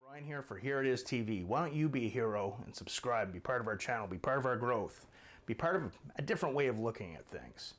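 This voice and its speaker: A man's voice: medium pitch, expressive, fairly quick, a bit bright. A man hosting his own channel, arguing his opinion to camera with emphatic rhetorical questions. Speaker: channel host.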